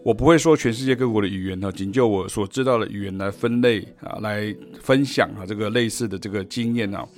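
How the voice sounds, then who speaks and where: A man's voice: lowish voice, a little fast, hardly any pauses. A man from Taiwan with a Taiwanese Mandarin accent, giving a podcast music lesson as a jazz teacher and explaining points with sung rhythm syllables.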